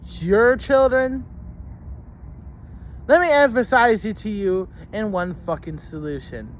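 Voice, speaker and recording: There's a sing-song quality to this young man's high voice, moving at a moderate pace over a faint hiss or hum. He's a student recounting a school story in an angry rant to camera about his teachers, rambling, swearing hard and restarting sentences, heated, indignant and mocking throughout.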